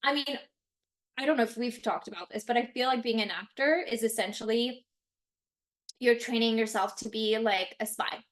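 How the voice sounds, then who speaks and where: A woman's voice: a little high, moderate pace. A woman from Canada whose first language is French, chatting animatedly as an actress guest. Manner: animated, expressive, laughs often. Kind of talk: casual chat.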